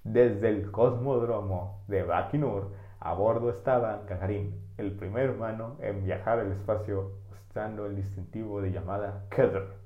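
A man's voice: on the low side, steady tone, measured pace, narrow, tinny audio. A man hosting a comic history podcast with a Mexican Spanish accent, playful and jokey. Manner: playful, jokey, breaks into bits. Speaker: podcast host. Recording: echoey room.

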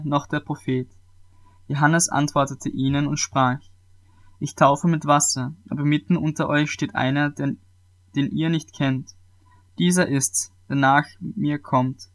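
A man reading scripture aloud at a measured pace, with occasional small restarts. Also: a little high.

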